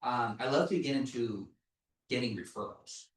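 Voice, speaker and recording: A man's voice: mid-range voice, moderate pace, a little hiss or hum. A man moderating a discussion panel, giving brief affirmations and asking open questions. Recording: echoey room, mic at a distance.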